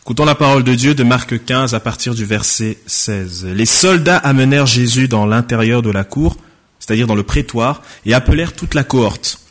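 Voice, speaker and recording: A man's voice: mid-range voice, moderate pace. A man preaching a sermon. He reads a Bible passage aloud, raises his voice for quoted speech, then explains it in a plain conversational way. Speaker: pastor.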